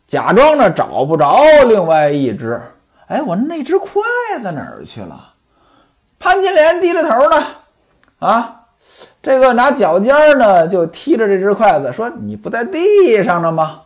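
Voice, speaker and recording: A man telling a story in the traditional storyteller's manner. His voice sits high and leaps up and down with lively expression. He keeps turning to the listener with chatty, knowing asides. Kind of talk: traditional Chinese storytelling narration.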